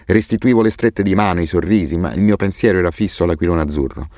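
Male audiobook narrator, very deep voice, expressive and measured, dry studio read. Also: dry recording. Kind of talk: scripted narration.

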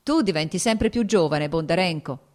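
A woman voicing a calm, successful young male general who speaks in an easy, assured way. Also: fairly low pitch, moderate pace, natural voice. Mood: friendly.

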